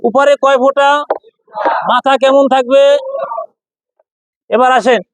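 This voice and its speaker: Man, Quran reading teacher, classroom drill, repetitive call-and-response, very high-pitched voice. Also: steady tone, dry recording. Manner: repetitive, calls out questions, drawn-out chanting of letter names.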